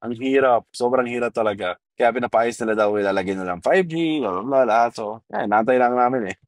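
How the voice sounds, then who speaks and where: A man from Syria, his first language Arabic, talks in a loose, chatty way as an interview guest, full of fillers, restarts and English words. His voice sits at a middle pitch and is recorded close and dry. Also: fairly quick, no echo. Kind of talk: casual interview.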